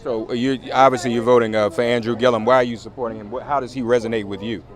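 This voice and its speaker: A man's voice: medium pitch, level tone, quick pace. A man hosting street interviews, asking direct, blunt questions outdoors at an election event. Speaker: host and street reporter. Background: crowd.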